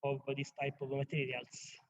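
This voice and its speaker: A man with an Italian accent, a native Italian speaker, moderating a conference session in halting English. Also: mid-range voice, monotone. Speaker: session chair. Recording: dull lo-fi sound with loud noise, clicks.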